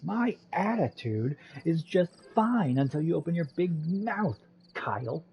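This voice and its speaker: A man voicing a sharp-tongued, teasing young woman. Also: fairly low pitch, expressive, measured pace, a little hiss or hum, pitched below the performer's own voice. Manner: teasing, scolding.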